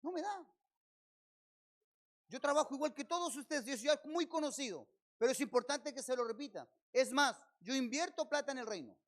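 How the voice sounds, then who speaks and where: At a church service, a Chilean-accented pastor delivers his sermon by peppering the congregation with rhetorical questions and swelling in volume on important lines. He sounds very high-pitched and animated, speaking at normal speed.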